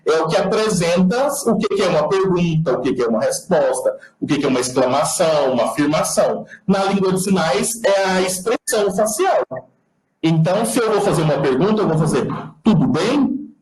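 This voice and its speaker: A man's voice: sits high, animated, brisk, a little mellow, echoey room, poor audio. A man with a Brazilian accent giving an online lecture, patiently explaining the sign alphabet step by step. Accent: Brazilian Portuguese. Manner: patient, explanatory, demonstrates as he talks.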